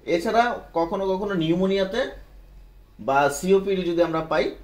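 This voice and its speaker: A man's voice: sits high, expressive, normal speed, darkish tone. A man teaching a medical class, often quizzing students and checking they follow. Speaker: medical instructor. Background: students answering.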